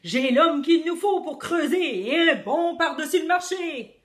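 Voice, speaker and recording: A woman voicing a loud, bossy male pirate captain who shouts his orders in a children's storybook. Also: high-pitched, animated, a little slow, pitched above the performer's own voice.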